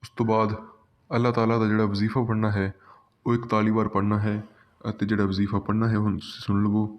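Man talking low and flat, calm repeating instructions to friends. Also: dull audio. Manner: calm, repetitive, addresses listeners as friends. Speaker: channel host giving religious instruction. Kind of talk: spoken instruction to viewers.

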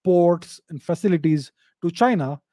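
A middle-aged host answers live video call questions on geopolitics from his home study, measured and explanatory, going back over key points. His slightly high voice for a man has a mellow, dark tone. Recorded close on a boom-arm studio mic, it sounds dry, with almost no room sound and no echo.

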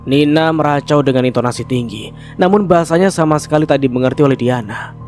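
A man narrating a spoken horror story in a steady, measured storytelling voice. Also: a little high, soft background music.

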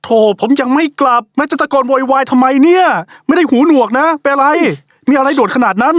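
A woman's voice: high-pitched, a little fast, dry recording, clean studio sound, close to an everyday voice. A woman dubbing a puzzled young son. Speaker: dub actor. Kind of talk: dubbed TV drama.

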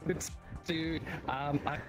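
A guest streamer talking casually over a phone voice chat whose audio keeps cutting in and out, speaking haltingly and trailing off mid-sentence. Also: mid-range voice, little pitch movement, over music. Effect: choppy audio cutting in and out, like a loose connection.

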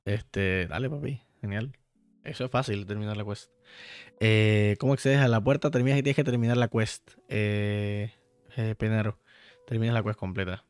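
A man's voice: on the low side, fairly even intonation, normal speed, clear, resonant tone, no room sound. Playful, profane male game streamer. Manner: profane, playful, talks to chat directly. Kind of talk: casual live-stream chat while playing. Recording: dry sound, faint background music.

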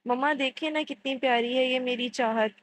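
A stubborn, devoted boy who pleads with his father and protects a little girl , as a woman reads him aloud. The voice stays high. A faint hiss runs under it. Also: steady tone, natural voice. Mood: sweet. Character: stubborn devoted young boy, later young man.

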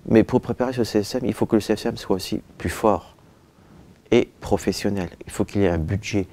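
Speaking in a low, creaky, warm voice, this Turkish-born, French-raised man in his forties is interviewed in a bookshelf-filled office through a lapel mic. He starts out hesitant, leaning on "euh" and "je dirais," then drives his arguments home.

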